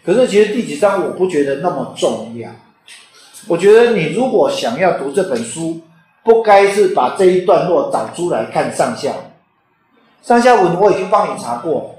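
A male author and teacher talks through an informal lecture, his voice pitched fairly high for a man. He keeps it conversational and checks in with his listeners. The room rings with a strong echo. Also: darkish tone. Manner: conversational, often checks in with rhetorical "OK?". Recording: very echoey room.

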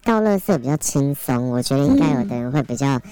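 A woman's voice: very deep voice, very animated, quick pace, mellow, clear, resonant tone. A woman guest on a podcast, telling plain stories about difficult customers. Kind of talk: casual anecdote.

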